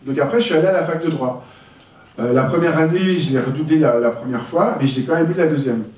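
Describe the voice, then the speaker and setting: A man's voice: a little high, fast, darkish tone. A man giving a candid, reflective talk about his own life, telling it as a personal testimony. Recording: echoey room, voice from far off.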